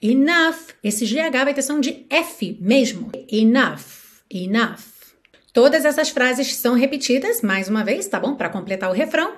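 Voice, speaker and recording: A woman who speaks Portuguese as her first language, teaching English pronunciation through song lyrics, stretching the English lines slowly and explaining quickly between them. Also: sits high, animated.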